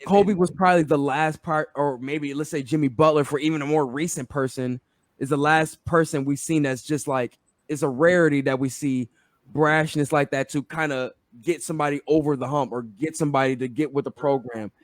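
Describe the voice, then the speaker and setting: A man's voice: a little high, steady tone, fairly quick, dry recording, studio quality. A man hosting a casual podcast debate, repeating phrases and restarting as he builds his point.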